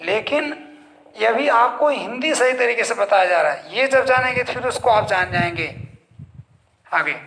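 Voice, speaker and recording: Male teacher, high gravelly voice, spelling words out letter by letter, echoey room. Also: animated, normal speed, a bit bright. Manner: spells words letter by letter, repeating each word. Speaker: English teacher. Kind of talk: slow spelling lesson for children.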